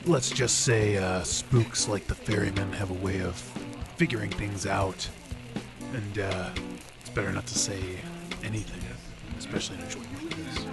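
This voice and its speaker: An actor playing a weary, guarded police detective who talks tersely and hesitantly in an old-time radio drama. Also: male voice, fairly low pitch, big pitch swings, moderate pace, gravelly. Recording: loud music bed under the voice.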